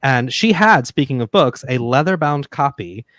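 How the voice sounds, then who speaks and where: A man hosting a live online party, his pitch leaping up and down as he spins a story or slides into a sponsor read. The sound is dry and close to the mic, with no room around it. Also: normal speed, dry recording. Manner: animated storyteller, reads sponsor ads playfully. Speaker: host. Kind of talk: live stream party chat.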